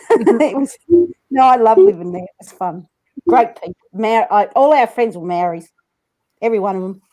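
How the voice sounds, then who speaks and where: A woman's voice: on the high side, warm tone. An Australian woman telling funny stories in casual chat on a video call, laughing often and acting out the voices she quotes. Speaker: livestream host.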